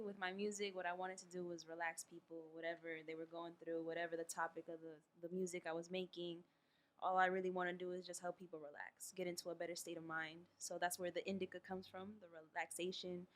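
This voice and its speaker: Young woman from Queens, low and steady, laid-back interview guest. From Queens, New York. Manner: relaxed, unhurried storytelling with fillers. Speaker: guest artist. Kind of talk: casual podcast interview.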